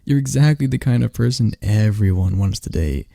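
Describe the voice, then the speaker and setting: A young man speaks at normal speed in a lowish, creaky voice, with no room sound. The clip is a scripted ASMR friend roleplay where he chats animatedly to a listener we never hear.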